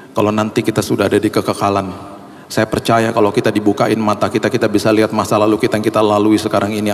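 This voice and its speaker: A middle-aged male pastor preaching a sermon, telling stories with passion and rising high and loud to drive points home. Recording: long hall reverb.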